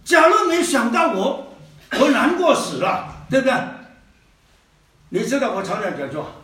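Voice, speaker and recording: A man preaching a sermon in an animated, storytelling way, often chuckling as he talks. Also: very high-pitched, a little slow. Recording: echoey hall, mic far off.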